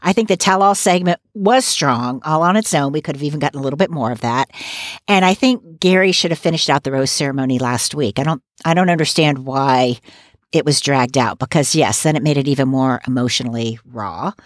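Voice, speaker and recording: A woman's voice: extremely low pitch, fairly quick, no echo, studio quality. A woman co-hosting a podcast, chatting opinionatedly and laughing as she makes her points. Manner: opinionated, lively, laughs while talking. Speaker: podcast co-host. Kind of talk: casual recap chat.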